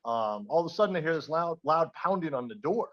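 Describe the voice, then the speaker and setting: A man's voice: on the high side, expressive, fairly quick, muffled recording. A man hosting a casual podcast, rambling and self-deprecating as he tells a joke. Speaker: podcast host.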